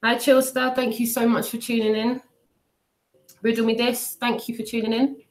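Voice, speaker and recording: Her voice sits a little high and slightly mellow, at normal speed and with little variation in pitch. Unwell and stuffed up with a cold and cough, this livestream host rambles hesitantly and apologetically to her viewers over plainly noisy audio.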